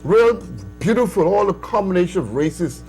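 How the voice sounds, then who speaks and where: A man's voice: high-pitched, expressive, normal speed, a little mellow, faint music behind, poor audio. Emphatic older Bahamian man. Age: 60s. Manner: emphatic, insistent, with many restarts and sudden rises. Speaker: guest. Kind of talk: conversational interview.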